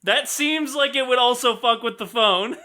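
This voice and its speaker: A woman's voice: fairly high pitch, normal speed, pushed and bright. A woman talking casually as a player in an improvised tabletop roleplay.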